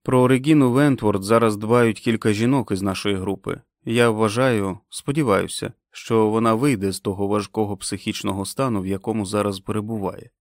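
A man playing a calm, kindly doctor who speaks in a measured, reassuring way. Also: on the low side, dry recording, studio quality, natural voice.

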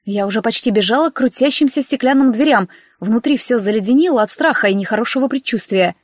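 Female narrator, first-person audiobook, fairly high voice, muffled lo-fi recording. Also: animated, fast, no room sound. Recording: dry, dull lo-fi audio.

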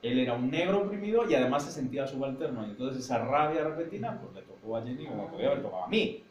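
A man's voice: medium pitch, big pitch swings, rapid-fire, a little mellow, echoey room, lo-fi sound, slight background noise. A man from Madrid with a Spanish accent, a university teacher giving a seminar lecture, who explains step by step and keeps checking that the class follows him. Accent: Spanish from Spain, Madrid. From Spain (Madrid). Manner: explanatory, thinks aloud, checks understanding with frequent "¿no?".

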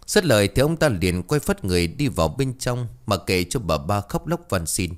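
A man narrating a ghost story in a dramatic, expressive way. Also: fairly low pitch, moderate pace.

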